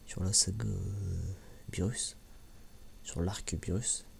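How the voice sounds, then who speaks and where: A man with a soft, low, creaky voice hosts an ASMR video, speaking in a hushed, sometimes near-whispered tone with fairly even intonation. His casual, unscripted review is hesitant and halting, full of repeats and filler pauses. The mic sits a little away from his mouth, sounding slightly muffled with background noise.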